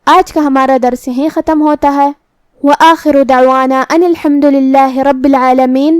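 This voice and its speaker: High, even-toned woman teaching recitation. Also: no room sound, clean studio sound. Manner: slow, careful explanations with demonstrated words. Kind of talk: tajweed lesson explaining pronunciation rules.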